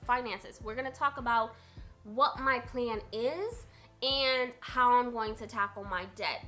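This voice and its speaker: A budgeting vlogger in her late twenties talks casually to her camera about her budget, earnest and repeating points for emphasis. Her voice is on the high side, pushed and bright.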